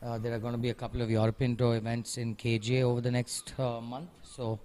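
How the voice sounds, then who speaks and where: A man's voice: mid-range voice, little pitch movement, fast talker, mellow. A man giving conversational live golf commentary, analysing each shot and offering encouraging remarks.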